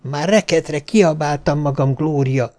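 A man's voice: a little high, expressive, a little mellow, voice pushed up, lightly acted. A man voicing a cold, strict mother who speaks curtly and scolds in an audiobook story. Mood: scolding. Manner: curt and scolding.

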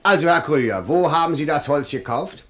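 A man's voice: on the high side, expressive, fairly quick, fairly bright tone, soft background music. A man playing a pompous, bullying village magistrate in a classic radio play. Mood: stern questioning. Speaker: official questioning villagers.

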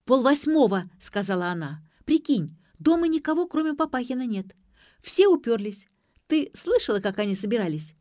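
A brash, bossy young woman, acted by a woman reader, high and loud with blunt slangy retorts. Her audiobook lines land dry and close, with no room around them. She pushes and prods in every line. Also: very animated, normal speed, no echo. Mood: pushy. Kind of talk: audiobook character voice.

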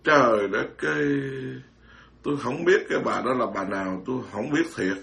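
A man's voice: mid-range voice, expressive, normal speed, vocal fry, a bit bright. A man, a Buddhist monk giving an informal dharma talk, blunt and scolding, mocking others and stammering through repeated words.

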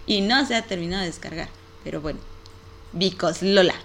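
A woman's voice: lowish voice, a little fast. A young woman hosting a casual online show, chatting and giggling to her viewers with a lot of "este" filler. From Mexico. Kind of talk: casual live-stream chat.

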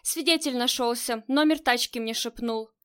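Woman reading an excited loud gangster man. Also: on the high side, moderate pace, clean tone, close to an everyday voice. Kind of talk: audiobook character reading.

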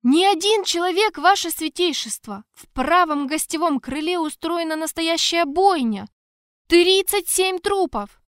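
Breathless palace guard in a panic, read by a woman, loud and high, dry booth sound. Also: a little slow, dry recording. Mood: alarmed. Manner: shouting.

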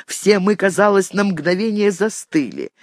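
A man reading a first-person audiobook in a measured, tense storytelling voice. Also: high voice, expressive, no room sound. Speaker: audiobook narrator.

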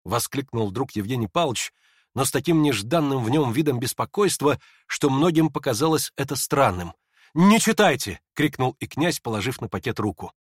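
A man giving a measured, expressive literary audiobook narration. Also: medium pitch, breathy edge, no echo, studio quality.

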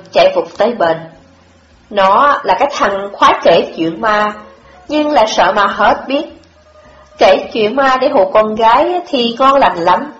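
Woman narrating a story in an echoey room. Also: fairly high pitch. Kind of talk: audiobook narration. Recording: dull lo-fi audio, echoey room, faint music.

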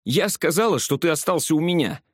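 A man's voice: fairly high pitch, animated, a little fast, no echo, studio quality, voice pushed up. A man voicing a tired young woman, a caring friend, in an audiobook. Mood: exasperated.

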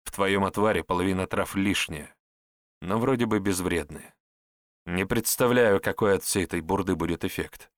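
A blunt, scornful hero, as a male reader puts him on for an audiobook, mocking and plain-spoken in a fairly low voice. The recording is dry and close. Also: fairly bright tone, no room sound. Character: sardonic, blunt young male hero with a sharp tongue.

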